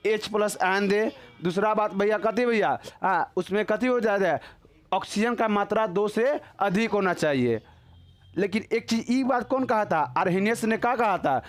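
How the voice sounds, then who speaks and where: A man's voice: high-pitched, normal speed, dry recording. A man with a Bihari accent teaching a class, constantly quizzing his students in a chatty, joking way. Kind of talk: classroom lecture.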